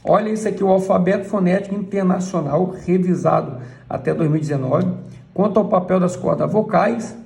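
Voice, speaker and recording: A church elder with a Brazilian Portuguese accent teaches from a book, pausing often to point things out. His voice sits fairly high but sounds mellow and gravelly. The recording carries a noticeable room echo. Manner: points things out with frequent "look" asides. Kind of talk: explaining a book page by page.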